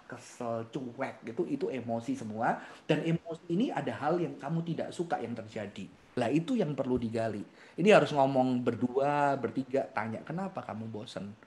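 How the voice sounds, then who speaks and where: Male speaker, 30s to 40s, mid-pitched voice, lively seminar delivery with frequent laughter. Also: slight background noise. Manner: animated, laughs often, acts out quotes. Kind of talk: seminar talk answering youth questions.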